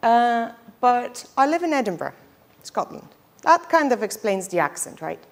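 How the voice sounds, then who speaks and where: A woman's voice: on the high side, very animated, moderate pace. Chatty woman giving a conference talk. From Bulgaria. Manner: chatty, frequent ums, self-deprecating asides. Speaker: conference speaker. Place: lecture hall with projector screen. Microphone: headset mic.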